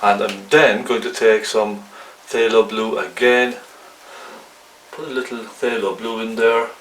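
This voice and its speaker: A man giving a casual hands-on painting tutorial in a gentle, chatty, coaxing way, often checking in with the viewer. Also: lowish voice, steady tone, measured pace. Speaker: painting instructor. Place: indoor room, painting at a canvas. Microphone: camcorder at a distance. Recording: roomy, distant camcorder mic, faint noise.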